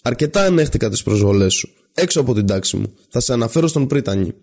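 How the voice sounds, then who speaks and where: A man voicing an indignant older male university professor who snaps back in loud, offended outbursts. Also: medium pitch, lively intonation, gravelly. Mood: furious.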